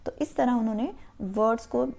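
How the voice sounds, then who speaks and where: A woman teacher walks her students through an English lesson, explaining in Hindi and keeping in touch with the class as she goes. Her voice sits a little high, with a mellow, warm tone. Whenever she reads an English sentence, she slows down and says it word by word. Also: vocal fry. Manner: checks in with the class often.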